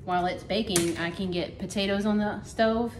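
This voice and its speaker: A woman's voice: medium pitch, steady tone, normal speed, background noise. A middle-aged woman chatting casually as she cooks in her home kitchen, thinking aloud as she works. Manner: chatty, talks while working, thinks aloud. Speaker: home cooking vlogger. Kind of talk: casual cook-along narration. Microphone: camera on counter. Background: clatter of dishes and pans.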